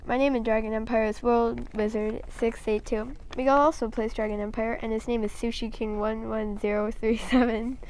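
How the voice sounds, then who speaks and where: A woman's voice: fairly high pitch, level tone, moderate pace, few pauses, darkish tone, a little hiss or hum. A woman reading a first-person children's story aloud in a plain storytelling manner, with a few small slips.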